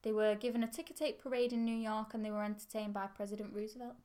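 A woman, co-hosting a podcast and reading history notes in steady runs. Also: mid-range voice, quick pace. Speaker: podcast co-host.

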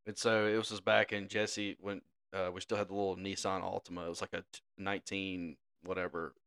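A man's voice: low-pitched, little pitch movement, a little fast, fairly bright tone, clean tone. Laughing man telling a story. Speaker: podcast co-host. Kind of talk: casual storytelling.

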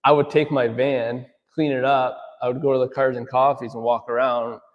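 An auto detailer and business owner in his thirties talks casually in an interview, rambling with lots of fillers and frequently asking "right?" His voice is medium-pitched and level at a normal speed, but the recording is muffled with a long reverb tail.

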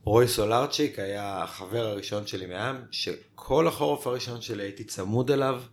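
A man in a casual chat, reminiscing earnestly about an old friend. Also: on the low side.

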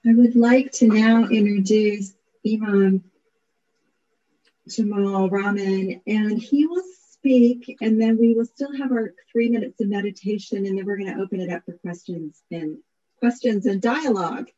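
A woman hosting an event, introducing a speaker in a casual, unhurried way. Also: mid-range voice, warm tone, muffled recording. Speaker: event host.

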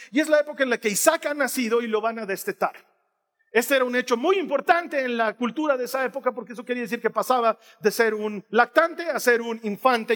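A man's voice: extremely high pitch, a bit bright. A man in his fifties preaching a sermon, telling the story with humor and emphatic, repeated phrases. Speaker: pastor. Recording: long reverb of a large hall.

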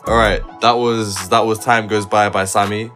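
A man's voice: on the low side, little pitch movement, moderate pace. A man hosting a music talk in a casual, chatty style. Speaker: host. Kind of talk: casual chat.

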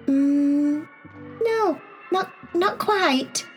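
A playful, teasing girl, as a woman puts her on in a storybook, her sing-song voice swooping way up high. Faint music sits underneath. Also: expressive, extremely slow, full character voice. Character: playful girl Vaya in costume.

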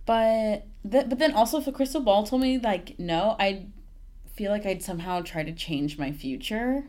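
A woman's voice: mid-range voice, moderate pace, dark tone. A young woman from Texas, a guest on a casual podcast, giggly and dramatic, with lots of "like" fillers. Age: young adult. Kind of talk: casual chat.

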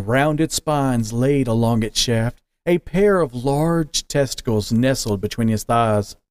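Man reading a story out really slow and steady, dry close sound, no room at all. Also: medium pitch, no echo. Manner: slow, measured, deliberate. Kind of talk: scripted narration of an audio story.

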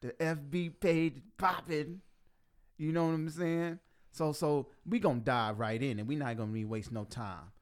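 A man with a Las Vegas accent hosting a casual podcast chat, bantering with quick slang and laughing often. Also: a little high, fairly even intonation. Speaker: host.

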